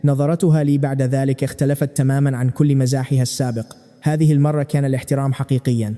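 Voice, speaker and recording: A man reading a dramatic first-person story in steady, scripted narration. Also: medium pitch, fast. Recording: long hall reverb.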